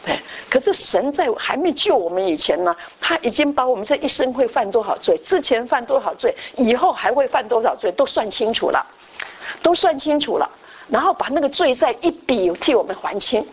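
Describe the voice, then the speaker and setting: Woman preacher, fairly high and husky voice, chatty sermon storytelling full of restarts and "right?" asides. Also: lively intonation, fairly quick. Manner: conversational, with frequent restarts and tag questions.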